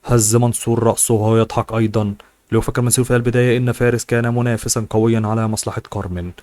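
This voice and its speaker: A man narrating a serialized novel as an audiobook reader, brisk and even. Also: medium pitch, no echo. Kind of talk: novel reading.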